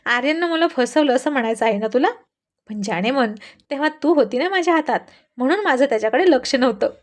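A woman's voice: high voice, lively intonation, quick pace. A woman voicing a confident, playful father who teases his family, read in a storytelling voice. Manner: playful, teasing. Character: confident teasing protective father.

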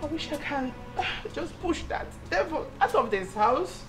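A woman's voice: high voice, animated, a little slow, music in the background. A woman with a Nigerian accent playing a middle-aged mother-in-law who scolds hard with jabbing "Eh?"s yet is torn, in a film. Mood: pleading tenderly. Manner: scolding, repeats "Eh?" as a jab. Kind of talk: Nollywood film acting.

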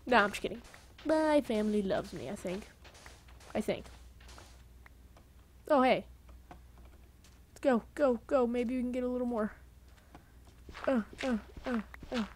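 A woman rambles through casual gameplay commentary in a bright, somewhat high voice, piling on "like" fillers and mocking herself with a grin. She jumps into sudden excited outbursts, with a faint hiss behind her voice. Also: measured pace, long pauses. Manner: goofy, rambling, full of "like" fillers; jokey self-mockery, sudden excited outbursts. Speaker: gaming channel host.

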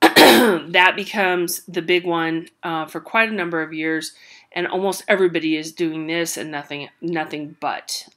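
A woman's voice: lowish voice, bright, forceful tone. A woman giving a recorded art history lecture with hiccups, talking loosely with many fillers and restarts.

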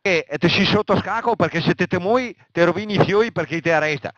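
A man's voice: sits high, fast talker, fairly bright tone, dry recording, dull audio. A man in his thirties with a Venetian accent, acting an angry, foul-mouthed militant who rants with explosive curses. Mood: bitter. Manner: ranting, peppered with explosive cursing.

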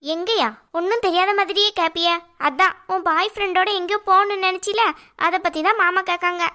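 A woman's voice: very high-pitched, steady tone, brisk, pushed and bright. A woman voicing a sly, meddling young sister-in-law in a cartoon, taunting sarcastically in a Tirunelveli Tamil accent. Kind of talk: cartoon voice acting.

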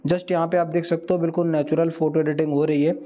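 A man's voice: fairly high pitch, fast, highs cut off. Man narrating an editing tutorial. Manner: steady instructional, mixing English words into Hindi. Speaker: video tutorial host. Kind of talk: step-by-step screen tutorial.

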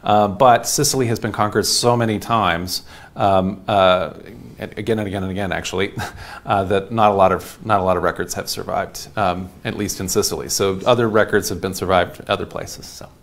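A man's voice: deep voice, fairly even intonation, moderate pace. A man giving a casual history lecture, rambling with many fillers and restarts.

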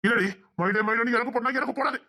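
A woman's voice: fairly high pitch, sharp tone. A woman acting an obsessive young man who begs and threatens his beloved, in a web drama. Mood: aggrieved. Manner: pleading and possessive, fast.

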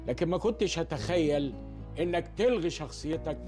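An actor plays a disappointed Egyptian elder who lectures slowly and deliberately, his voice a little above the usual male range. Music sounds clearly underneath him. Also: fairly high pitch, lively intonation, darkish tone, close to an everyday voice. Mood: lecturing. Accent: Egyptian Arabic. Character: stern disappointed elder lecturing young men. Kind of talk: film comedy scene.

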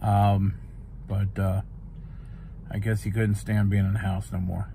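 A man's voice: on the low side, level tone, a little slow, creaky, warm tone, a little hiss or hum. A man, chatting casually in a farm vlog, rambling and laid-back with lots of ums. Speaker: farmer vlogger. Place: on a farm outdoors and in a truck cab. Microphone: phone camera at arm's length.

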